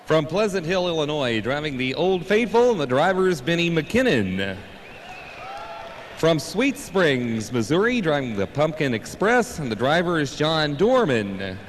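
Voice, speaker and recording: A man's voice: a little high, sing-song, measured pace. A man co-announcing a tractor pull, calling out line-ups live as an event announcer. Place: large indoor arena. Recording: reverberant arena PA, background noise.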